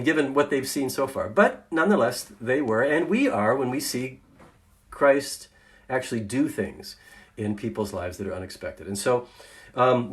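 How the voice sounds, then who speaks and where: A middle-aged man giving an informal faith-based talk on leadership as a consultant, quick at times and then slow and deliberate for emphasis. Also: mid-range voice.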